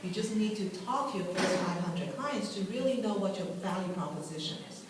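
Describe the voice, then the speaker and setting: A woman's voice: mid-range voice, lively intonation, fairly quick, heavy background noise. A woman from Taiwan and Gambia, a venture capital partner giving a candid talk to a live audience, laughing at her own asides. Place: meeting room at a tech club. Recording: echoey room, mic far off.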